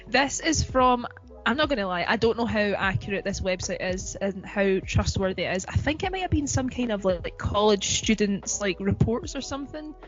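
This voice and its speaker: A woman's voice: medium pitch, lo-fi sound. A woman co-hosting a podcast in casual chat, talking in a chatty, giggly way with lots of fillers. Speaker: podcast co-host.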